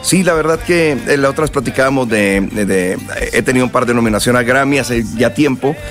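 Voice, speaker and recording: Hungover Mexican singer, slangy and rambling. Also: male voice, medium pitch, a little fast, soft background music. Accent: Mexican Spanish. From northern Mexico and South Texas. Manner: relaxed, slangy, rambling with many restarts. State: hungover and tired. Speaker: singer guest. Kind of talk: casual radio interview.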